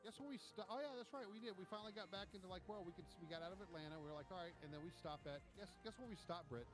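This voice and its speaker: Give me an animated, foul-mouthed man retelling a trip, with music playing behind. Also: sits high, very fast. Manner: animated, profane, acts out quotes. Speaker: podcast co-host. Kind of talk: casual storytelling chat.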